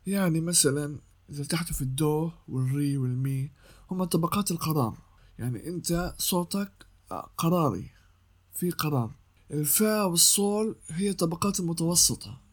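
A man's voice: fairly high pitch, animated, a little fast, slightly rough. A young man explains voice-over technique in a casual tutorial, repeating points as he teaches. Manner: explanatory, repeats himself, sings scale notes.

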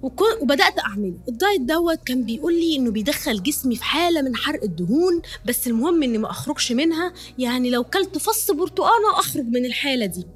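Fast-talking Egyptian woman telling her story. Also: high voice, expressive. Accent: Egyptian Arabic. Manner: emotional, confessional storytelling. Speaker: podcast host, nutritionist. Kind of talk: personal storytelling podcast.

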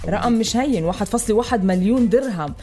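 Rapid, chatty Lebanese radio woman. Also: on the high side, lively intonation, mellow. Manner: enthusiastic, chatty. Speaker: radio morning show co-host. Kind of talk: lively casual radio banter. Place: radio studio. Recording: faint music behind the voice.

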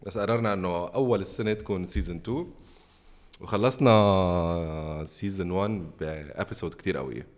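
A man's voice: sits low, moderate pace. A man with a Lebanese Arabic accent, chatting casually as a podcast co-host and switching between Arabic and English. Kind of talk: casual chat.

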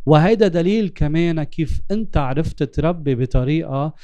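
A male interviewer and host with a Lebanese Arabic accent runs a reflective, life-coach-style interview, mixing English terms into his Arabic and repeating words for emphasis. His slightly high voice is brisk, mellow, and clean, recorded dry with a lo-fi sound.

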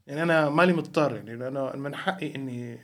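A man's voice: mid-range voice, racing. A man with a Levantine Arabic accent chatting casually and bluntly as a podcast co-host, telling stories and dropping in some English. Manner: animated storytelling, mixing in some English. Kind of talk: casual opinionated chat.

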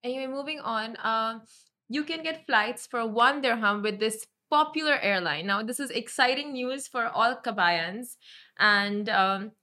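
A woman's voice: a little high, measured pace, sharp tone. A woman co-hosting a news podcast, talking in a casual, chatty way. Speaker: podcast co-host.

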